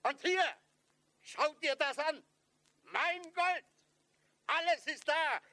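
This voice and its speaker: A man's voice: very high voice, animated, slow, pushed and bright, full character voice. A male actor in a German audio drama, playing a rowdy, greedy old prospector who blusters and jeers. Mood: gloating, mocking.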